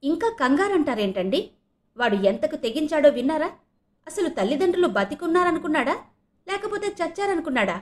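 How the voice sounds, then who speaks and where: A woman voicing an outraged middle-aged mother in an audio novel reading, shrill and dramatic. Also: normal speed, lightly acted. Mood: furious. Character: furious middle-aged mother shouting at her husband.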